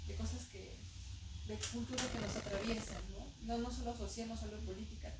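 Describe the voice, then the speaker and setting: A woman presenting at a book event asks the author questions, hesitating and restarting often. Her slightly high voice is picked up from a distance in a roomy hall. Clear background noise sits under her speech. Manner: hesitant, full of fillers and restarts. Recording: roomy hall, far from mic, noisy.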